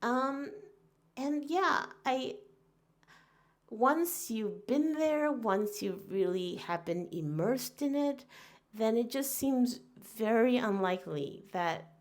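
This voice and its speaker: A woman's voice: fairly high pitch, animated, slow pace. A woman in her forties from Taiwan, hosting a podcast with an earnest, reflective monologue full of fillers and restarts. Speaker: podcast host.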